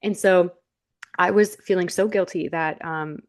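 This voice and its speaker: A young adult woman guest on an interview, telling stories in an animated way and acting out what she and others said. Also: lowish voice, unhurried. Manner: animated storytelling, quoting herself and others. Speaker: podcast guest. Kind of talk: casual interview chat.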